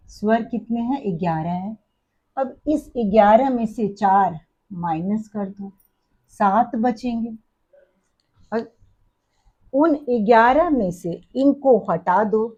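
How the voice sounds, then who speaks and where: A woman's voice: a little high, dark tone. A woman teacher explaining an exam-prep lesson step by step, asking the class questions, counting items aloud and correcting her own slips. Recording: dull lo-fi recording.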